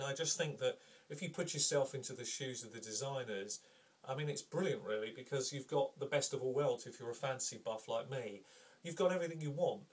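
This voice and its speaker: An enthusiastic man talks straight to a camera in a casual review, rambling and circling back on his points. His voice is picked up from a little distance by the camera mic, at an ordinary mid pitch. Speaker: game reviewer.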